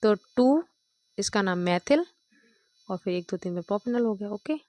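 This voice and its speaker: A woman's voice: medium pitch, lively intonation, a little slow, dry recording. A woman chemistry teacher explaining step by step, counting aloud and checking in often with her students. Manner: counts out loud, checks with "thik hai" and "dekho".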